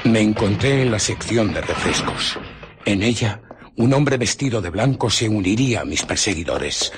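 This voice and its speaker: In a radio drama, an actor with a Castilian Spanish accent plays an invisible scientist recounting his ordeal, agitated and urgent. His fairly low voice has lively intonation at normal speed, swinging theatrically between hushed murmurs and outcries. Background noise is audible.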